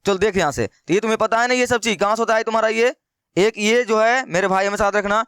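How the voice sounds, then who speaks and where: A man's voice: high voice, fast, fairly bright tone, clear, resonant tone, no room sound, studio quality. A man teaching maths in a casual, chatty way, repeating questions to his students and calling them brother. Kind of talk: casual Hindi maths lesson.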